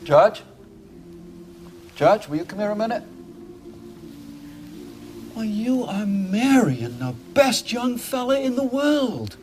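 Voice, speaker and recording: An actor playing a gentle middle-aged father in a 1940s film, soothing and reassuring. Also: high-pitched, very animated, slow pace, pauses often, a little hiss or hum, heavily acted.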